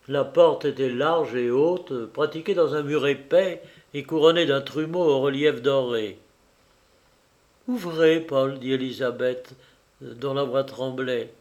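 A man narrating a novel as an audiobook in a measured, even way. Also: mid-range voice.

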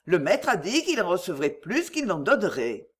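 A narrator voicing a young male servant who speaks in a hushed, confidential tone, in an audiobook reading. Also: medium pitch, huge pitch swings, normal speed, husky, heavily acted. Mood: confiding.

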